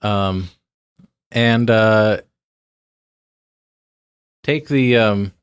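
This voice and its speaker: A man's voice: on the low side, drawn-out words, clean tone, no echo, studio quality. A man improvising a hesitant, laid-back local guide. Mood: casual. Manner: hesitant, full of ums. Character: easygoing man offering to meet at a landmark.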